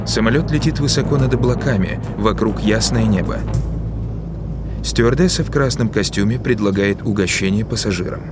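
A man's voice: lowish voice, heavy background noise. A man reading scripted audio description narration for a film. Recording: loud music and film sound behind.

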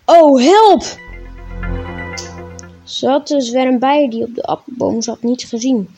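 A woman reading a children's story aloud in a clear, measured way, then talking to young listeners about faith. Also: on the high side, fairly even intonation, dark tone, soft background music.

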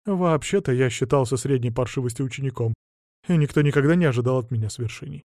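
A man's voice: medium pitch, fast, a little mellow, no echo, clean studio sound, close to an everyday voice. A man voicing an overexcited young male bard who pleads and gushes, in an audiobook. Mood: eager. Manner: gushing, pleading.

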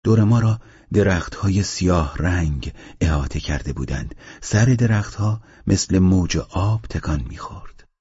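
A man narrating a literary audiobook in a calm, measured reading voice with a husky tone. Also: sits low, dry recording, dull audio.

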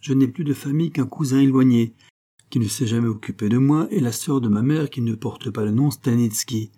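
A man's voice: mid-range voice, a little fast, warm tone, pitched above the performer's own voice, natural voice. A man voicing an impetuous, sulky young nobleman who exclaims petulantly, read in an audiobook. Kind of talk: audiobook character reading.

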